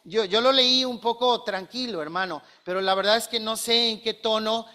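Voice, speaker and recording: A man's voice: high voice, normal speed, sharp tone. A man preaching a sermon, earnest and questioning, often addressing listeners as brothers. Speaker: pastor.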